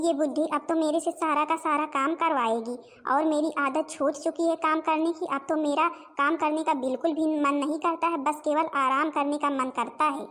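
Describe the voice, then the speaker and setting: Sly, lazy young daughter-in-law, played by a woman, whiny, very high-pitched. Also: a bit bright. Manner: whiny, scheming asides. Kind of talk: cartoon voice acting.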